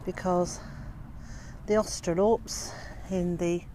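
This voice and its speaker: A woman in her fifties narrates a casual homestead vlog outdoors beside her chicken pens. She talks in a chatty, gently amused way, at an ordinary middle pitch, with faint outdoor noise around her. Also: steady tone, slow. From Wales. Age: 50s. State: out of breath. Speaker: homesteading vlogger.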